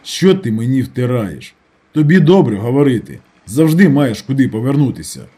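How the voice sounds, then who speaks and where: A man reading an audiobook and voicing a blunt, irritable garage worker who speaks loudly. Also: mid-range voice, sing-song, moderate pace, slightly rough. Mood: irritated. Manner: blunt, irritable, raises his voice. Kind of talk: audiobook character voice.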